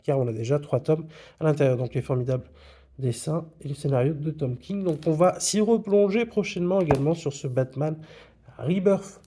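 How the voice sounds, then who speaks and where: A man's voice: on the high side, normal speed, mellow, slightly rough. A man presenting his comic book purchases in a casual video, with frequent hesitations. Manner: hesitant, many fillers. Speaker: comics vlogger.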